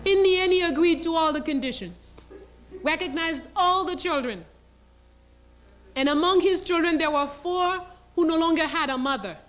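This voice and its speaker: A woman's voice: very high voice, normal speed, fairly bright tone, rough recording. A woman lecturing on history as a teacher, telling a story passionately and with emphasis. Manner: passionate, emphatic, acts out quotes.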